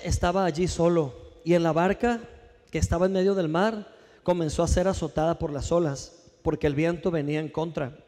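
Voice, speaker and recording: A male pastor preaching a sermon in a church, with lively rhetorical questions and calls for the congregation to answer. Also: high voice, long reverb tail.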